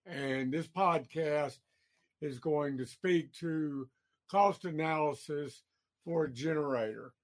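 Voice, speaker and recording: A man hosting a podcast on electrical work, explaining costs slowly with many ums and uhs, hiccuping now and then. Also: on the high side. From Georgia, USA. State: has the hiccups.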